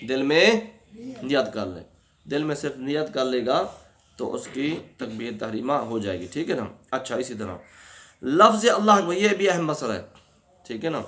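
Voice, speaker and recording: A man teaching a religious lesson on prayer rules, often asking and answering his own questions and slowly drawing out words to show their pronunciation. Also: a little high, a bit bright.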